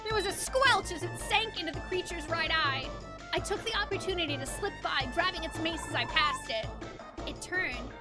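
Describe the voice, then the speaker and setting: A very high-voiced woman streamer narrates her game playthrough at normal speed, reading the story expressively like a storybook and mixing in casual chat, all over loud game music.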